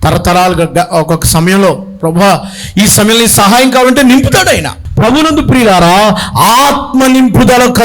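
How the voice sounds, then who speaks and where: A man preaching a sermon as a bishop, telling stories and acting out the people in them, with sudden shouted lines. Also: high-pitched. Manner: animated preacher, acts out characters and bursts into shouts. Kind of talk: Telugu sermon with storytelling.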